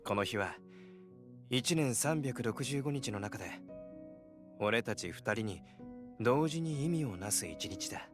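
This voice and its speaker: An actor playing a tender young man who acts as a protective older brother, speaking gently and affectionately in a game scene. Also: mid-range voice, animated, fairly quick, long pauses, music in the background, close to an everyday voice. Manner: gentle, affectionate, quietly teasing. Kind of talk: game voice acting.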